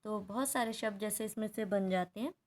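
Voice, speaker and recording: A woman's voice: medium pitch, brisk. A woman teacher patiently working through a Hindi grammar workbook, explaining each answer step by step and checking in with students. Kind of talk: workbook lesson walkthrough.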